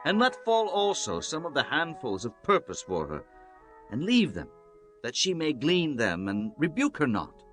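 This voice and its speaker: Man acting Boaz, a solemn, animated biblical landowner. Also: fairly high pitch, moderate pace, faint music behind. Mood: gently commanding. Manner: declamatory, formal archaic speech. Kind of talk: dramatized scripture audiobook acting.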